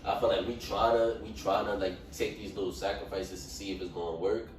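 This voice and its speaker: A man's voice: lowish voice, level tone, brisk. A man, a podcast guest, rambling in a casual group chat with many fillers. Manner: rambling, heavy use of fillers. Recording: echoey room, mic far off, faint noise.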